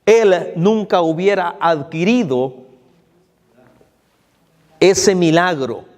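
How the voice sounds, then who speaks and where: A man with a high voice preaches an evening sermon in a church hall, the long reverb trailing after his words. He talks slowly and deliberately, turning to the congregation with direct questions and repeating key phrases for emphasis. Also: darkish tone.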